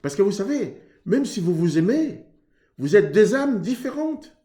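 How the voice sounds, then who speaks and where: A man's voice: sits high, sing-song, measured pace, dark tone, echoey room. A man from Haiti preaching earnestly on marriage, in a conversational way that acts out both sides of a couple's exchange. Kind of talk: sermon on marriage.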